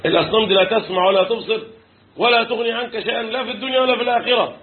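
A man with an Egyptian accent teaching a religious lesson, asking his listeners questions and answering them himself, reciting verses slowly. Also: sits high, steady tone. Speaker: Islamic teacher explaining Quran commentary. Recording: tinny phone-like recording with faint noise.

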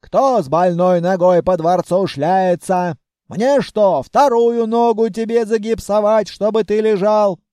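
A man voicing a stern old mummy grandmother who bosses and scolds loudly in an audiobook reading. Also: sits high, a little slow, dry recording, clean studio sound. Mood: scolding. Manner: bossy, loud scolding.

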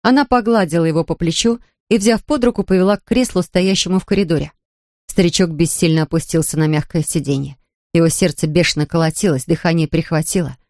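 A woman narrating a children's storybook aloud in an expressive reading voice. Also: fairly low pitch, quick pace, dry recording, studio quality. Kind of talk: audiobook narration.

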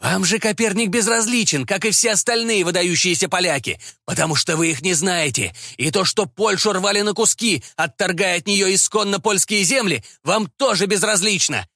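A man's voice: high-pitched, very animated, normal speed, few pauses, pushed and bright, no room sound, clean studio sound, voice pushed up, exaggerated voice. A man voicing a hissing, indignant Polish nobleman, a vampire, in an audiobook. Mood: furious.

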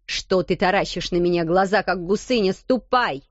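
A stern, greedy schoolmistress barks her orders in a clipped, scolding tone, as a woman reading a storybook puts her on. The voice sits a little high for a woman, and the recording is muffled and completely dry. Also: lively intonation, a little slow, no echo. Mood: harsh. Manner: harsh, scolding commands.

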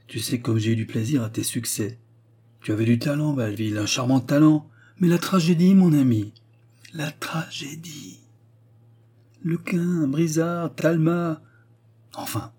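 Voicing a dying old tragic actor full of pride and fervor, a man reads with grandiose, pleading emphasis. The voice is dark, husky, and medium-pitched, pushed upward yet natural.

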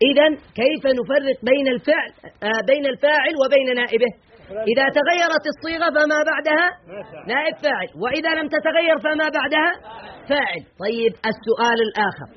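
Man, very high voice, quick pace, grammar teacher, rhythmic drilling, dull lo-fi recording. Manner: drills examples in rhythmic lists, quizzing students. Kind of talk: classroom grammar lesson with questions to students.

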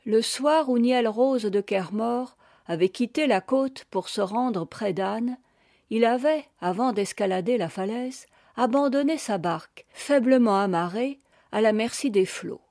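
A woman narrating a classic tale as an audiobook reader, in a slow, deliberate reading. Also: a little high, warm tone, no echo, studio quality. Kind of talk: scripted narration.

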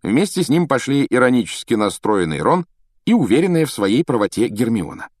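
A man's voice: mid-range voice, very animated, a little fast, no echo, studio quality. A man reading a novel aloud as an audiobook narrator, telling the story steadily and expressively. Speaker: audiobook reader.

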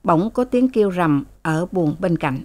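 A woman narrating a novel as an audiobook, in a measured storytelling manner. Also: on the low side, lively intonation, a little mellow, dry recording.

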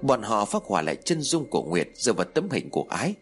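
A man reading a dramatic story as narrator, in a steady storytelling manner. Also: on the low side, fast. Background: faint music.

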